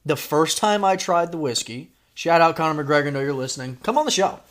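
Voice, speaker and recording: A man's voice: fairly high pitch, lively intonation, brisk, fairly bright tone. A man hosting a podcast over whiskey, chatting loosely and joking, swearing casually. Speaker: podcast host. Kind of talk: casual chat.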